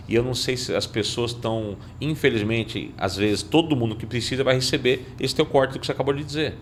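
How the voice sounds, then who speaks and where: A man's voice: mid-range voice, a little hiss or hum. A man in a casual podcast conversation, giving earnest, reflective commentary.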